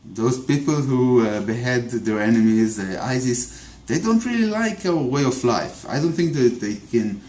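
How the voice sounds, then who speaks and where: Speaking with few pauses at a normal speed, this Israeli-accented video commentator improvises a political argument, his medium-pitched voice a little mellow and lively in intonation. He frequently stumbles on fillers and repeated words, and the room is echoey.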